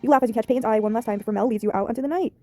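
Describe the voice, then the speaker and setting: A woman's voice: on the high side, very fast, mellow, faint music behind. Giggly woman reading a story game. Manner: giggly, chatty asides.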